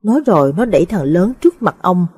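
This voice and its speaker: Solemn husky woman storyteller. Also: on the low side, animated, fast, dark tone. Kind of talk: scripted audio story narration.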